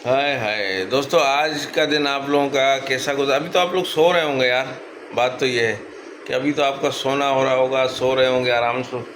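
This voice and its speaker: A man's voice: mid-range voice, moderate pace, a little hiss or hum. A man vlogging about his pet birds, coaxing them with repeated calls and baby talk while chatting to his viewers. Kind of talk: casual pet vlog, talking to viewers. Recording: echoey room with loud bird chatter. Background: birds calling.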